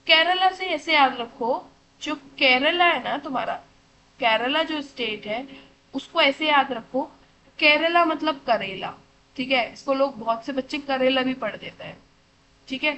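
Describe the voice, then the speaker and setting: Against a noisy background, a woman whose voice sits high speaks at a measured pace while teaching children in a classroom lesson. She poses questions and answers them herself, addresses the listeners fondly as "beta," and keeps checking in with "theek hai."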